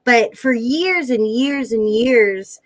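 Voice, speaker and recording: A woman sales coach appears as an interview guest, talking in an animated, emphatic way and piling up words in lists for effect. Her voice sits a little high and moves slowly, and the recording quality is poor.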